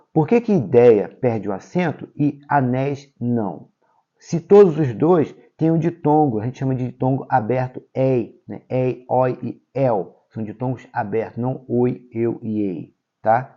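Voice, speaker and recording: Brazilian guy teaching grammar for exams, warm dark voice, keeps saying tá? ok?, kinda muffled audio. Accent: Brazilian Portuguese. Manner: explains step by step, checks in with "tá?" and "ok?"; lively, stresses key words with jumps in pitch and loudness. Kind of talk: exam-prep grammar lesson.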